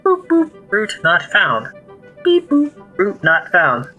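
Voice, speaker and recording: A man's voice: high-pitched, huge pitch swings, slow, lo-fi sound, faint music behind, pitched above the performer's own voice, heavily acted. A man putting on a robot voice for a glitchy, touchy male robot, with beeps and boops in between, while reading game dialogue aloud. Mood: malfunctioning.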